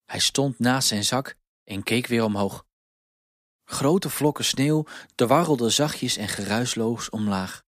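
A man reading a children's story aloud in a calm, lively storytelling manner. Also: mid-range voice, slow, no room sound.

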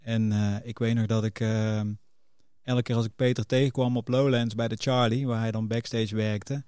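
A man's voice: medium pitch, level tone, moderate pace, darkish tone, clean tone, no room sound, clean studio sound. A middle-aged man chatting casually as a podcast guest, telling anecdotes about his working life. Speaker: podcast guest, music booker.

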